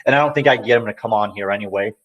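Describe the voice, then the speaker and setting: A man's voice: fairly low pitch, racing, a bit bright. A man in a casual podcast chat, talking bluntly and rambling through his opinions. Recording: dull lo-fi sound.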